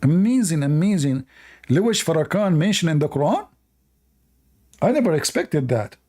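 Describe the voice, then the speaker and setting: Male debate host, scornful and combative, non-native English, higher-pitched with a soft, dark tone. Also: sing-song, normal speed. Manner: mocking, combative, laughs at opponents. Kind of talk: live debate commentary.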